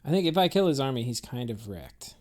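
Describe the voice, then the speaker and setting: A man's voice: medium pitch, big pitch swings, brisk, darkish tone. A man giving casual, rambling commentary on a strategy game he is playing, thinking aloud with many fillers and restarts. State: has the hiccups.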